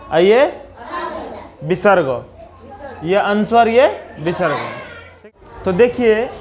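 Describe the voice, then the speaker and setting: Bihari-accented man, primary-school teacher, slow and patient, breaks words into single sounds. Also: high voice, background noise. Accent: Bihari Hindi. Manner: patient, spells out letters and sounds one by one. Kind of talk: slow classroom explanation for young children.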